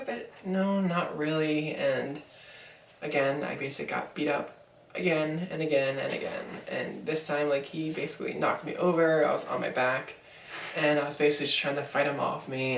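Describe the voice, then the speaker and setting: A woman's voice: deep voice, creaky, distant mic, a little hiss or hum. A young woman in her twenties telling a story in a casual vlog, rambling with lots of fillers. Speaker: vlogger. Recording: echoey room, voice from off mic.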